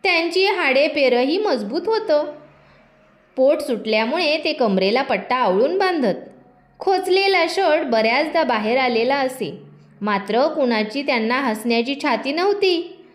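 A woman narrating a children's storybook in a lively, expressive way. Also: high voice, a little slow.

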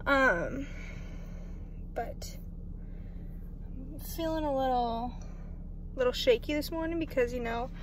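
Her voice sits high, but she speaks slowly with long pauses, and there's background noise. The eighteen-year-old is vlogging casually from a parked car at night, phone camera close, chatty, self-mocking and freely swearing.

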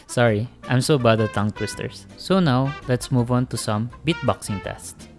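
Male gadget reviewer, friendly and casual, addresses viewers directly, medium pitch, music running underneath. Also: moderate pace. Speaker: tech reviewer. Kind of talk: product review narration. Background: background music.

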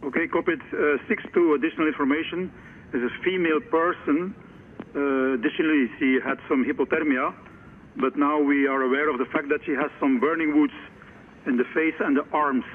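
A man working as a coast guard radio operator, speaking over a marine radio in formal call procedure, reading out coordinates in a measured way and closing each message with "over". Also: on the high side, fairly even intonation. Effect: marine radio transmission. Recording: muffled radio with clear static noise.

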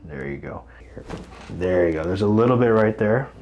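A man working as a chiropractor, giving calm, joking instructions to a patient during treatment. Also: fairly low pitch, moderate pace, creaky, lo-fi sound, slight background noise. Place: chiropractic clinic room.

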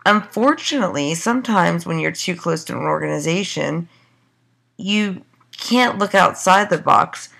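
A hoarse woman lecturing to a class, her voice fraying as she loses it. The tone is bright and edged, with a gravelly fry underneath. She asks one rhetorical question after another, with plenty of ums along the way. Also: fairly low pitch, lively intonation, a little slow. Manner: loose, filler-heavy lecturing with rhetorical questions. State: losing her voice.

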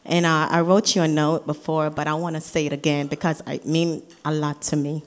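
A woman giving a wedding toast as the groom's sister, preaching and building to shouted declarations in a reception hall. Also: sits low, flat delivery, fairly quick.

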